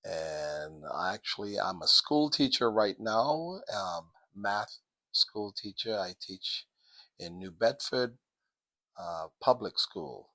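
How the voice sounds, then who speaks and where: Middle-aged man from the Caribbean, interview guest, unhurried and low, close dry mic. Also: expressive, pushed and bright, no room sound. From Sint Maarten, Dutch Caribbean. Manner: slow, measured, with frequent ums. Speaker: interview guest, math teacher. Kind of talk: casual interview.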